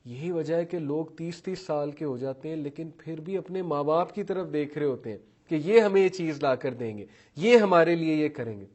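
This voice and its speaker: This parenting lecturer speaks at a fairly high pitch with a darkish tone and barely pauses. His talk on parenting styles runs through traits in sequence, borrows English terms, and has him playing both parents and kids in the examples.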